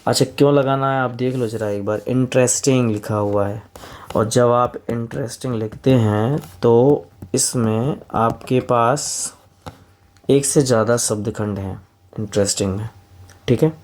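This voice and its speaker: Indian male grammar teacher, mellow voice, patient and fond of his students. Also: medium pitch, fairly even intonation. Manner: reads English sentences slowly, then explains in Hindi; addresses students affectionately as kids and friends. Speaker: English teacher.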